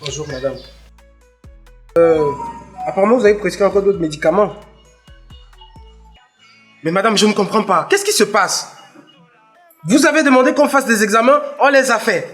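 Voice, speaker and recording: Man as a demanding grown son, lively swooping pitch, faint music. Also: normal speed, pauses often. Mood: complaining. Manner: pushy, complaining, rising in pitch when upset. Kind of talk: comedy skit acting.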